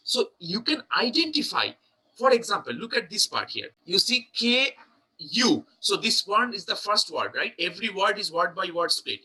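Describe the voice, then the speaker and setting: Man leading a chant lesson, high and bright-toned. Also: big pitch swings, rough recording. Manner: chants syllables slowly, then explains in a quick, searching way. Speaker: chanting teacher.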